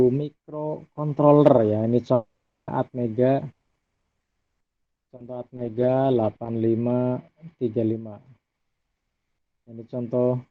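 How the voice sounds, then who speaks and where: A man giving a relaxed recorded lecture over slides, often tagging his sentences with a questioning "ya". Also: mid-range voice, no room sound. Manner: relaxed, adds tag "ya" often. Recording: dry, phone-like audio.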